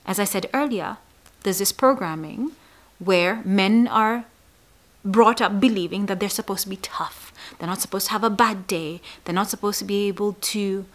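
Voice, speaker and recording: A woman's voice: mid-range voice, moderate pace. Emphatic woman psychologist. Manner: emphatic, dropping to soft breathy asides on key points. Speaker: psychologist hosting an educational channel. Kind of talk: explanatory talk to camera.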